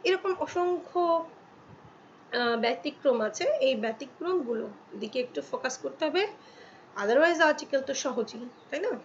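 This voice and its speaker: A woman teaching English grammar in Bengali, reading English examples slowly and often checking in with the listener. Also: sits high, expressive. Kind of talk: explaining articles to students in Bengali. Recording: dull lo-fi with faint ambient noise.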